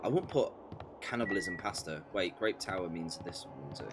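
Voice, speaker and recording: Streaming a visual novel, this man performs the lines theatrically and keeps interrupting with disbelieving jokes, game music running underneath. He speaks in a low, animated voice at a normal speed.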